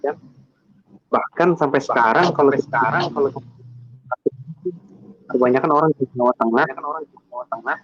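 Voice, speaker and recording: A man calls in to a live chat over an online connection that keeps breaking up and cutting out. His voice is muffled and lo-fi, with a slightly husky edge, and he tends to repeat words and restart his sentences. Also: mid-range voice, brisk, long pauses, fairly bright tone. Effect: choppy, breaking-up online call audio. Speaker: guest caller on a livestream. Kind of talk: casual call-in chat. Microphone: computer without headset. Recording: muffled lo-fi call line.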